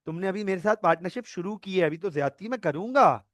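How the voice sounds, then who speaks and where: A man's voice: high-pitched, expressive, quick pace, dry recording, studio quality. A male accounting tutor giving an online lecture, playfully acting out scenarios and mixing in English terms.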